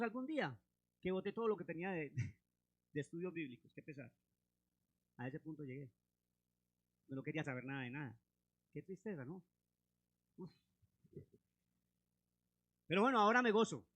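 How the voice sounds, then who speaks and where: A man delivers an impassioned sermon in a high, bright voice. He swings from quiet, low asides to loud, drawn-out declarations that hammer each point home. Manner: impassioned preaching, rising and dropping sharply, drawn-out emphasis. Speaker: preacher.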